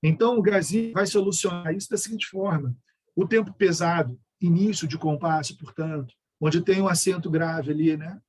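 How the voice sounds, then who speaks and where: A man's voice: on the high side, moderate pace, a little mellow, slightly rough. A man from Brazil giving an online music education lecture, explaining step by step and singing rhythm syllables and scale numbers as examples.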